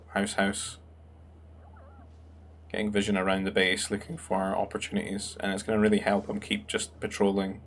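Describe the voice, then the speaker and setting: A man's voice: fairly low pitch, a little hiss or hum. A young man commentating a strategy game match in a casual, musing way, thinking aloud with fillers. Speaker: game caster.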